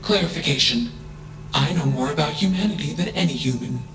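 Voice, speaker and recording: A man voicing a cold, logical male AI robot in a video game, speaking in a flat, emotionless way and tagging each statement with a one-word label. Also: fairly high pitch, fairly quick, over music, rough recording. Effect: flat emotionless machine voice.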